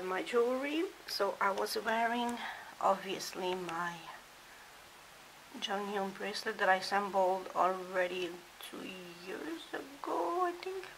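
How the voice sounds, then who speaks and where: A woman's voice: medium pitch, creaky, low-quality recording. A woman vlogging casually from a dim hotel room, chatting and sometimes half-whispering as she shows her things. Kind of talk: casual show-and-tell vlog. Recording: hissy home recording. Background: steady hiss.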